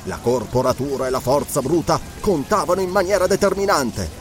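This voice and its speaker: A man narrating an adventure audiobook in a dramatic, expressive reading style. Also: fairly high pitch, fairly quick, music in the background.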